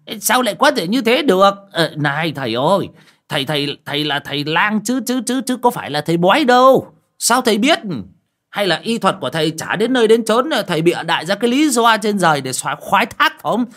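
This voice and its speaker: A man doing a shrill, stammering bald old man. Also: big pitch swings, fast, fairly bright tone. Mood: mocking. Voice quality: shrill, stuttering.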